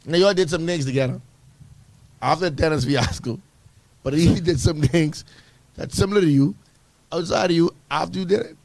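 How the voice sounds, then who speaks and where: A man's voice: a little high, normal speed, creaky, pauses often, darkish tone, no echo, low-quality recording. A man in casual barbershop-style banter, defending himself and repeating his phrases.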